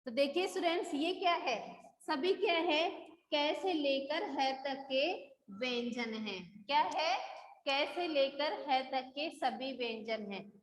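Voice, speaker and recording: A woman's voice: high-pitched, takes it slowly, a little hiss or hum. A woman Hindi teacher giving a classroom lesson, asking each question and answering it herself, calling her students beta. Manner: addresses students fondly as beta. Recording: echoey room with long reverb.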